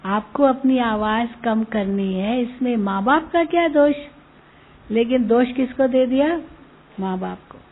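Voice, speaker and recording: A woman spiritual teacher giving a slow, gentle talk into a microphone, repeating key words and telling everyday anecdotes. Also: on the high side. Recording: tinny narrow-band recording.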